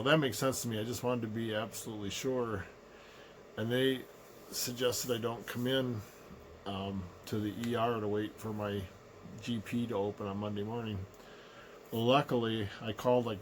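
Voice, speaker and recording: Low, unhurried man with sore throat. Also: a little hiss or hum, rough recording. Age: middle-aged. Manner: low, unhurried, subdued delivery. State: sick with a sore throat, recovering from voice loss. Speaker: vlogger. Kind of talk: casual personal rant to camera. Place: small living room indoors.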